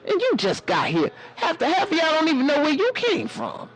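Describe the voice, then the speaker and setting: A man playing a sassy, preachy elder woman who calls her listeners baby and honey, his voice hoarse. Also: very high-pitched, huge pitch swings, brisk, heavily acted, low-quality recording. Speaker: live-stream host. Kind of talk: preachy casual live-stream talk.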